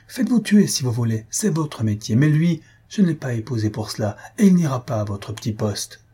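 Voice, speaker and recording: A man reading aloud and voicing a fiery, protective young wife, in a husky voice. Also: fairly high pitch, brisk, dark tone, voice pushed up. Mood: indignant.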